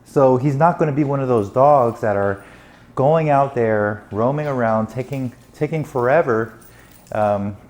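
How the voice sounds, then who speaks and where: A man with a mellow, warm tone and a middling pitch talks as a dog trainer. He patiently walks a dog's owner through the training steps in an instructive way.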